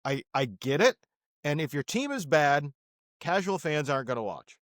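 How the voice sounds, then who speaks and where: A man co-hosting a sports podcast who reasons things through. His voice is fairly high and full of rise and fall. The recording is dry and close. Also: very animated, normal speed, no echo. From Boston area. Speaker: podcast co-host. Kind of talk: casual sports chat.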